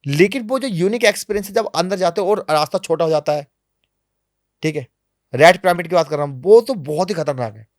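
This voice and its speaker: A man being interviewed on a podcast, telling travel stories in a lively, animated way, sometimes dropping to low, quiet asides. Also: fairly quick, no echo, clean studio sound. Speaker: travel vlogger guest. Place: podcast studio.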